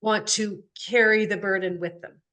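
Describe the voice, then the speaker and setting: A woman's voice: medium pitch, steady tone, normal speed, a bit bright. A woman hosting a spiritual podcast, talking earnestly about soul, energy and healing. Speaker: podcast host.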